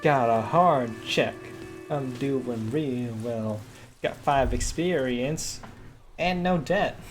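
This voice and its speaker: A man's voice: mid-range voice, takes it slowly, music in the background. A man streaming a game, playfully reading his choices aloud in casual commentary.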